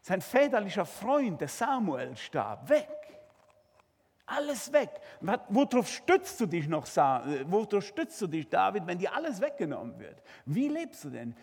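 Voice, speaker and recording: A high, husky male voice preaching with swooping, lively intonation and sudden bursts of intensity. He talks straight to his listeners with rhetorical questions. The sermon rings out with the long reverb of a large hall. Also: moderate pace. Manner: dramatic, addresses listeners directly with rhetorical questions.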